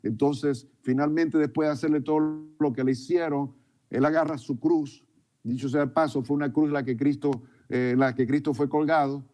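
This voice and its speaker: A man's voice: on the high side, fairly even intonation, moderate pace, mellow. A man preaching a sermon, retelling events and repeating points for emphasis.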